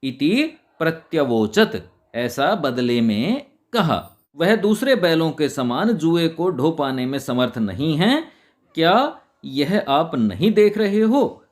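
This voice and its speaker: A man teaching a Sanskrit text word by word, reciting each term and then explaining it. He speaks slowly, and his fairly high voice rises and falls a lot as he goes. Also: very animated. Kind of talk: line-by-line Sanskrit lesson with Hindi translation.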